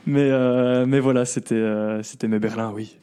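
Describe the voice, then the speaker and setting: A young founder in his twenties, talking as a podcast guest. His voice sits at a middle pitch, and his delivery is relaxed and chatty, with plenty of fillers. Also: a little slow, smooth. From southern Belgium. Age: 20s. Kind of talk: casual interview chat.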